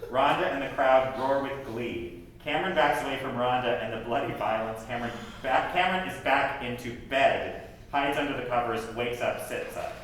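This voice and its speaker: A man reading stage directions aloud in a plain, steady way at a table read. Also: medium pitch, moderate pace, slight background noise. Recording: echoey room from far off.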